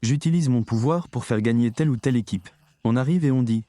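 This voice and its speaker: A man's voice: mid-range voice, fast talker, mellow, no room sound. A man preaching a sermon, talking emphatically and straight to his audience. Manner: emphatic, addresses the audience directly.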